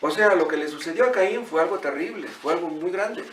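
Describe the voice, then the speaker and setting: A man's voice: high voice, animated, brisk, a bit bright, echoey room, recorded from a distance. Male pastor, Mexican accent, conversational sermon, faint room hiss. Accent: Mexican Spanish. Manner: conversational preaching, retells dialogue, rhetorical questions. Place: church.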